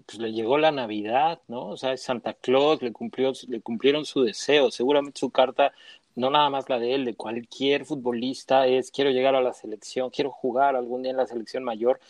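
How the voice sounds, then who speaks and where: A man on a football panel, sharing his opinions in an easy conversational way. His voice sits at a middle pitch, and the sound is dry and close. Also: fairly even intonation, moderate pace, darkish tone, no room sound. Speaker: sports panelist. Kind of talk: casual sports chat.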